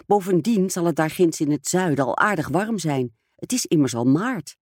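A woman reading aloud, voicing a vain, excitable society stepmother who gushes and speaks self-importantly. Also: fairly low pitch, normal speed, no echo, clean studio sound. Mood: haughty. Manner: gushing, self-absorbed, exclamatory.

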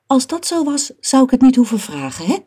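A snappish, furious mother from a storybook, loud and high above the reader's usual tone, as a woman puts her on. She fires her words off fast and sharp. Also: sing-song, husky, full character voice. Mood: snappy. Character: angry shouting mother, middle-aged.

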